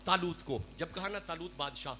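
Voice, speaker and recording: Speaking with a Punjabi accent, this Pakistani man preaches a devotional sermon as a Sufi preacher, his slightly high voice pushed and bright. He pleads fervently, addressing the gathering directly, on a noisy live recording with hum.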